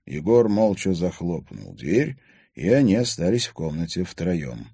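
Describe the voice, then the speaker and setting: A man narrating an audiobook in an expressive storytelling manner. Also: deep voice, unhurried, creaky, slightly rough, no echo, studio quality. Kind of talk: scripted narration.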